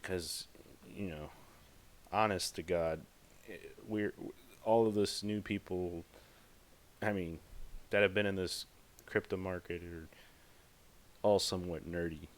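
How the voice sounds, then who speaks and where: Speaking slowly with long pauses, this man has a low voice and a steady tone. He hosts a podcast, rambling through a casual monologue with emphasis and plenty of filler words.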